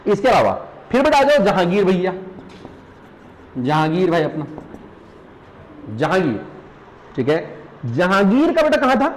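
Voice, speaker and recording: An unhurried teacher with a high voice full of big pitch swings and long pauses leads a live exam revision class, heard on poor audio. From the Uttarakhand hills, he speaks Pahari-tinged Hindi, goes back over key points, quizzes students, addresses them as "beta," and laughs and jokes while teaching.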